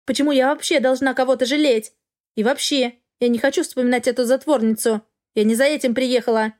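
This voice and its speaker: A woman's voice: sits high, fairly even intonation, a little fast, a little mellow, lightly acted. A woman voicing an arrogant young noblewoman in an audiobook, haughty and demanding. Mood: indignant. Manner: haughty, rising to shrieks. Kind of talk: audiobook character voice.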